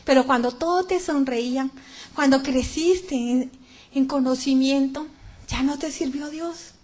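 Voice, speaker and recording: A woman voicing a gentle divine voice that firmly and solemnly reproaches her. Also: high-pitched, a little slow.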